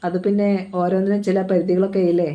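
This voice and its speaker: A woman's voice: mid-range voice, level tone, fast, lo-fi sound, close to an everyday voice. A woman reading the lines of a lonely young wife who talks in a hesitant, pleading way.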